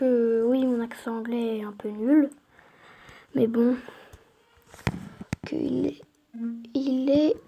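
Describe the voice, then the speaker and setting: A woman's voice: high-pitched, dark tone, breathy edge. A woman casually commenting on her own gameplay, hesitant and full of fillers, often saying "hop". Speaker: YouTuber playing a mobile game.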